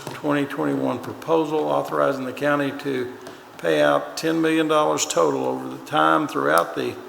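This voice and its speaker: A man's voice: a little high, gravelly, fairly bright tone. A man presiding over a county court meeting, reading agenda items in a plain businesslike way. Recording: echoey chamber with long reverb and faint noise.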